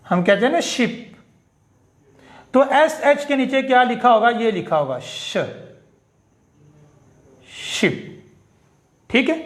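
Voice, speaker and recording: A man with a Pakistani Urdu accent teaching English pronunciation in a classroom lecture, explaining slowly and repeating example words. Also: extremely high pitch, a bit bright.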